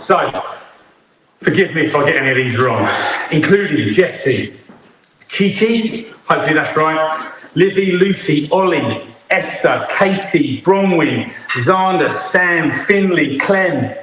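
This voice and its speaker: Chatty chef in an echoey kitchen. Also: male voice, a little high, fairly bright tone, a little hiss or hum. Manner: chatty, talks while plating food. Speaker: head chef hosting a cookalong. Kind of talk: live cooking demonstration.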